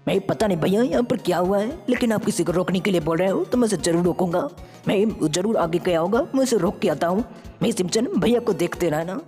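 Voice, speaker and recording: A woman's voice: on the low side, a little fast, mellow, lightly acted. A woman voicing an earnest young male hero in a fan-made game story, talking to himself as he goes. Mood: eager. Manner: eager, earnest, talks to himself while acting. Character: brave young male hero who turns into aliens. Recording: reverberant with faint music.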